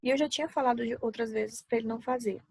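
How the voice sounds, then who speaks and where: A woman's voice: a little high, fast talker, gravelly, a little mellow, husky, dry recording. A woman giving psychological support advice in a casual talk, speaking into a laptop on her lap at home, friendly and explaining with everyday examples.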